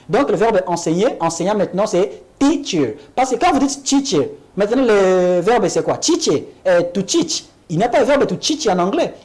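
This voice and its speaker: Woman teaching English on TV, lively pitch. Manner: explains in French, repeats English examples slowly, asks "Ok?". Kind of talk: televised language lesson.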